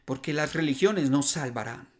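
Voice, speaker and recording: Earnest man preaching in a slightly high voice. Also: moderate pace. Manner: earnest storytelling, rising emphasis on key points. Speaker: preacher and podcast host. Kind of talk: sermon told as a story.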